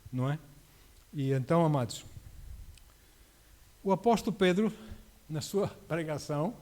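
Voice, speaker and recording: A man's voice: high voice, darkish tone. A man preaching a sermon as pastor, emphatic and full of rhetorical questions.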